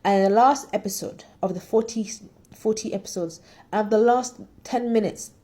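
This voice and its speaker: A woman's voice: mid-range voice, normal speed, dark tone. A woman in casual chat, reviewing a drama in a candid, opinionated and rambling way.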